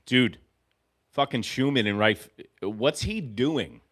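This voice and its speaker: A man's voice: medium pitch, lively intonation, takes it slowly. Rambling, profane fan host in his forties. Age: 40s. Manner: rambling, profane, swings between muttering and shouting. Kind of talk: live game-reaction commentary.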